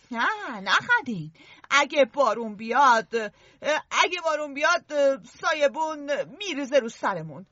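A woman's voice: high-pitched, bright, forceful tone, dry recording, dull audio, heavily acted. A woman voicing Ralph, an earnest, stern boy chief who lectures and scolds the others.

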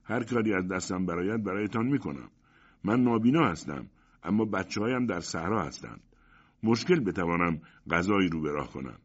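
A man voicing a kindly blind old man who speaks softly and courteously, in a storybook reading. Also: sits low, lively intonation, breathy edge. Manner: soft, courteous, consoling. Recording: dull lo-fi audiobook recording.

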